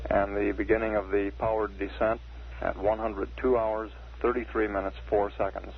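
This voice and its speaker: Man, American accent, low voice, deadpan mission status commentary, hesitant pauses, muffled 1960s broadcast, faint hiss. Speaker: mission control public affairs announcer.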